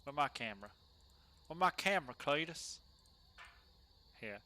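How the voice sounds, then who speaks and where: A man doing casual solo gameplay commentary, chatty and slangy as he thinks out loud. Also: on the high side, expressive, a little slow. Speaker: gaming streamer.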